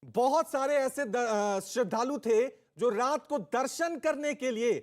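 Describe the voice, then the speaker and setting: A man's voice: extremely high pitch, measured pace. A male news anchor reading a bulletin and putting urgent questions to a field reporter.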